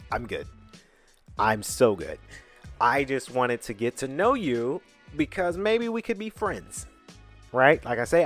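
A man in his late twenties hosting a podcast, rambling candidly in casual chat and swearing now and then. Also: medium pitch. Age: 20s. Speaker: podcast host.

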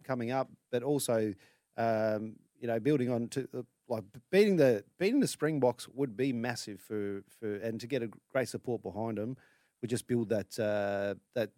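Australian man chatting sport, halting, dry sound. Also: medium pitch, mellow, no echo. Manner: halting, repeats words as he goes. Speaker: radio sports show co-host. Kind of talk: casual sports chat and opinion. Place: dry radio studio.

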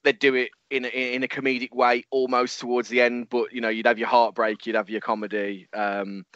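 A man's voice: medium pitch, level tone, brisk, fairly bright tone, dry recording. Guy on a pod, jokey, lots of ums, lo-fi dull sound. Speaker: podcast co-host. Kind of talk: casual podcast chat.

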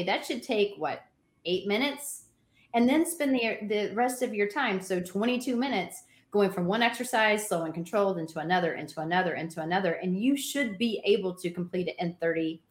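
A woman trainer giving energetic workout advice in a casual chat, laughing often. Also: medium pitch, echoey room. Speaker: fitness trainer guest.

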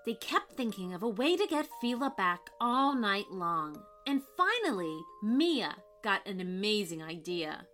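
A woman narrating a scripted children's story in an expressive, dramatic way. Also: mid-range voice, unhurried, few pauses. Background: background music.

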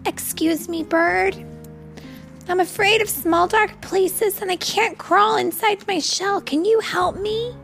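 A woman's voice: extremely high pitch, fairly even intonation, takes it slowly, creaky, fairly bright tone, faint music behind, voice pushed up, full character voice. A woman voicing a timid young boy turtle in a children's storybook, speaking politely and pleading for help.

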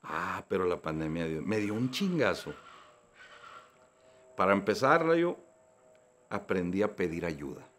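A man in his forties with a Mexican Spanish accent, a voice-actor guest telling his story in a slangy, animated way. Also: low voice, moderate pace. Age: 40s. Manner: animated, slangy, acts out dialogues. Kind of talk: casual storytelling interview.

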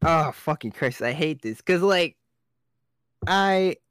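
A young man rambles through a story on a casual podcast, swearing freely and breaking into laughter. His voice sits a little high and swings widely in pitch. The mic is close and dry. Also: expressive, slow pace, fairly bright tone, clean tone, dry recording. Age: young adult. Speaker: podcast co-host. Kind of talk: casual chat.

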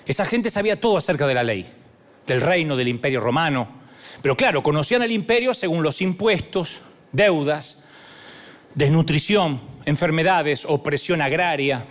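A middle-aged man preaching a sermon as pastor, animated and humorous, acting out scenes with shouted quotes. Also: on the high side, moderate pace.

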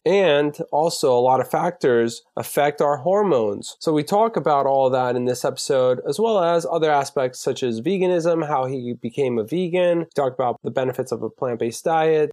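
A man with a raspy voice from a sore throat, hosting a podcast and reading intros and plugs in a casual way. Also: medium pitch, a little mellow, dry recording, studio quality. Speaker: podcast host. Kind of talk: scripted podcast intro and sponsor read, casual address to listeners.

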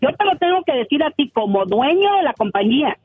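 A woman's voice: sits high, very animated, fairly quick, dry recording. A woman calling in by phone, telling an indignant story with lots of energy. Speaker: caller. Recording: tinny phone line.

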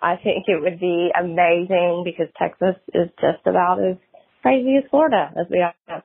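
Through a narrow, tinny phone connection, a woman from Tennessee leaves a casual listener message. Her voice sits a little low. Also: normal speed, vocal fry, slightly rough. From Tennessee, United States. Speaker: listener calling in.

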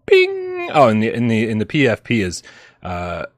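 A man in his thirties with a fairly low voice hosts a relaxed gaming live stream. He jokes around, stumbles and restarts sentences as he reads out chat tips. The sound is dry and close. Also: fairly quick, no echo. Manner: laid-back, jokey, stumbles and restarts. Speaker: podcast host.

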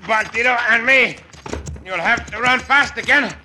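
High-pitched gallant Mexican cowboy hero, Cisco Kid. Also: male voice, normal speed, pushed and bright, exaggerated voice. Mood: urging, fierce. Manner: theatrical, commanding, formal phrasing. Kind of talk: old-time radio western acting. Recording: noisy vintage radio drama recording.

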